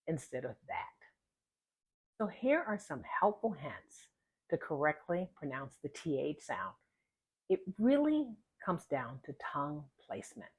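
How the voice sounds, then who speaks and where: Low-pitched woman teaching with deliberate, exaggerated enunciation. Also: breathy edge. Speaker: pronunciation teacher. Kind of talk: instructional pronunciation lesson.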